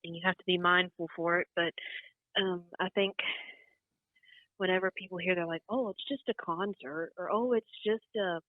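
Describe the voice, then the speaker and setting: A country singer from North Carolina talking on a telephone line in a casual interview, chatty and quick to laugh. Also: female voice, fairly low pitch, steady tone, dry recording. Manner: chatty, laughs often between points. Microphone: phone. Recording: dry, tinny telephone line.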